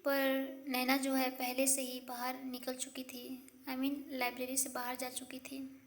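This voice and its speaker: A woman narrating an audio love story, reading slowly and correcting herself as she goes. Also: high voice, monotone. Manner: slow reading with spoken self-corrections.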